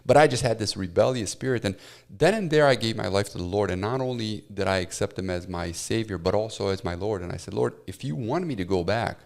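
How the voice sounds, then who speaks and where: A man in his forties with a fairly low voice, born and raised in Romania and a native Romanian speaker. He gives an earnest, heartfelt personal testimony as an interview guest. He often pauses on "uh" as he tells his story. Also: gravelly. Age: 40s. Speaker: guest, professor.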